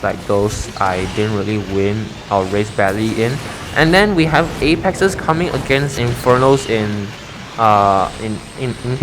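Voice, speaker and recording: A young gaming YouTuber with a lowish voice casually comments on his own racing gameplay, rambling, chatting, and correcting himself along the way. Loud racing-game engine sounds and other background noise sit behind his voice.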